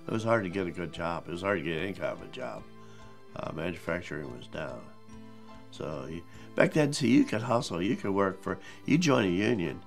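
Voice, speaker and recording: A man in his seventies with a very low, gravelly voice recounts his working years plainly, sometimes speeding up to make a point. Soft music plays faintly behind him. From Ohio. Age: 70s. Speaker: interviewee. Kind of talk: documentary interview storytelling.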